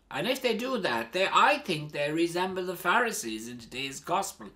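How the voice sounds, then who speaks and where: A man, a priest, giving a sermon in an earnest, emphatic way, with strong rises and falls in pitch and loudness. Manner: earnest, measured preaching.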